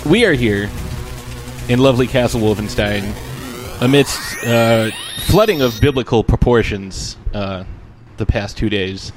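A man's voice: medium pitch, a little slow, soft background music. A man hosting a casual podcast, bantering with co-hosts in a joking, sardonic manner. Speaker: podcast host. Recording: clear background noise.

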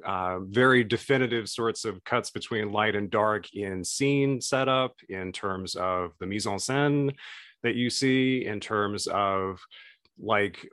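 A man's voice: fairly low pitch, fairly bright tone, no room sound, studio quality. An American man co-hosting a podcast, explaining things about film in a casual but wordy, studious way. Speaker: podcast co-host.

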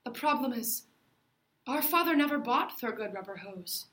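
Femme fatale for a noir spoof radio play, high bright voice, melodramatic damsel. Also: female voice, lively intonation, moderate pace. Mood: earnest, composed. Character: breathy, melodramatic femme fatale, grieving daughter of a murdered man. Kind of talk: comic noir radio drama.

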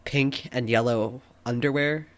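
A man's voice: medium pitch, fairly even intonation, unhurried. Laid-back man in a casual chat. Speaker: podcast co-host.

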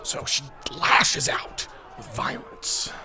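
A man's voice: slow, sharp tone, soft background music. A man voicing a smug, condescending demon prophet in an audio drama, talking in a lecturing way.

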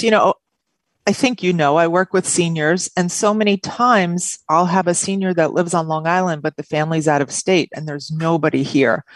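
A woman's voice: sits low, no echo. A woman interviewing a guest conversationally, in an appreciative and affirming manner.

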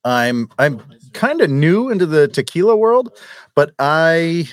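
A man co-hosting a casual podcast, jokey and laughing often in lively banter. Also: on the high side, slow. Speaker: podcast co-host.

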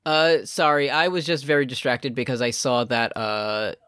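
A man's voice: medium pitch, normal speed, clean tone, no room sound, clean studio sound. A man co-hosting a podcast, recapping an anime in casual, joking chat. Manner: lively, joking, exclaims loudly when excited. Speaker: podcast co-host.

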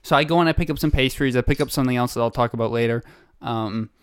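A young man co-hosting a podcast, telling a story in a casual, animated way with laughs and acted-out quotes. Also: mid-range voice, fast, clear, resonant tone, dry recording, studio quality. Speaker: podcast co-host.

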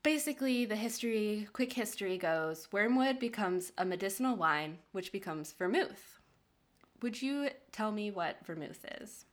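A woman's voice: medium pitch, lively intonation, normal speed. A woman co-hosting a casual podcast, reading out history notes in a chatty way and laughing often. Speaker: podcast co-host.

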